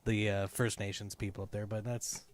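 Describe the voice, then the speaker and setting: A man co-hosting a podcast in casual chat, trading dry, deadpan quips. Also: on the low side, normal speed. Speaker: podcast co-host.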